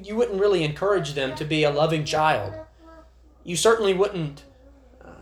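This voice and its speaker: A man preaching a sermon at a church prayer meeting, earnest and growing emphatic as he reads scripture aloud. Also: sits high. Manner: earnest, rises to emphatic when reading scripture. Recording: echoey chapel room.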